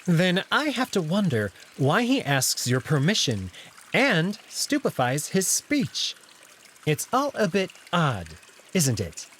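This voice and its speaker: With a slow, exaggerated delivery, the male actor plays the visual novel's sly jackal aristocrat, his pitch a touch high and full of animation. Faint background noise and running water accompany his smooth, mock-courteous taunts.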